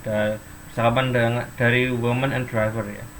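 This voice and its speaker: A man's voice: mid-range voice, flat delivery, normal speed, fairly bright tone, a little hiss or hum. A man teaching English in an online class, explaining step by step and reading example sentences and dictionary entries aloud.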